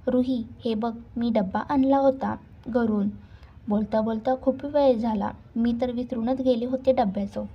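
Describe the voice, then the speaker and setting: A woman voicing a lively, teasing young woman who looks out for her friend in a read-aloud story. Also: a little high, unhurried, slightly rough, dull audio. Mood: cheerful. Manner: teasing and protective.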